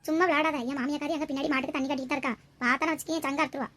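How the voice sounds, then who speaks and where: A kind but blunt young village wife, as a woman acts her out. She talks in a lively way with a high voice at a rapid pace. It is a village comedy skit.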